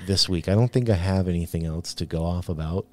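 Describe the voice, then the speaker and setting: A man's voice: low-pitched, quick pace. A man co-hosting a casual podcast, talking in a rambling way and often restarting his sentences. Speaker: podcast co-host. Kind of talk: casual chat. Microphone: podcast studio mic at a mixing board.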